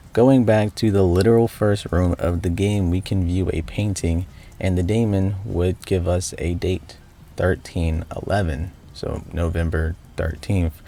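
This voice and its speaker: Deep voiced guy narrating a scripted game explainer, measured, soft dark tone. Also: creaky, slight background noise. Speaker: video narrator.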